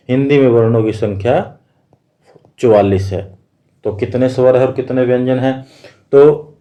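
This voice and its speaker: A man's voice: mid-range voice, dull audio. A man teaching an exam-prep grammar lesson, asking questions and answering them himself, repeating each key point.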